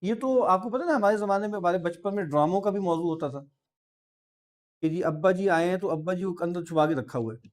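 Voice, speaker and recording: A man giving an informal, discursive lecture, with asides and soft laughs, and reading verse slowly. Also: high voice. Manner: reads verse slowly and drawn out.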